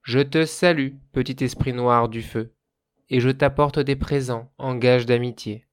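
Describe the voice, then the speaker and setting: A gentle young village girl with a soft, pleading way of speaking, as a man puts her on while reading a folk tale aloud. Her voice sits in a middle range. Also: medium pitch, fairly even intonation, a little slow, clean tone, close to an everyday voice.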